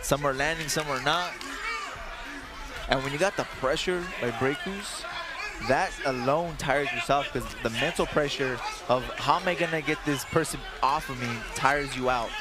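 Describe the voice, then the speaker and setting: A man's voice: medium pitch, normal speed, over a noisy crowd. A man giving live fight analysis from ringside as color commentator, emphatic and repeating phrases for emphasis. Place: ringside at an arena.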